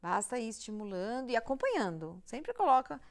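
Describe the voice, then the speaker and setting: A Brazilian-accented woman with a somewhat high voice talks as a pediatrician guest on an interview show. She explains patiently and step by step, in a calm, reassuring manner. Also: brisk.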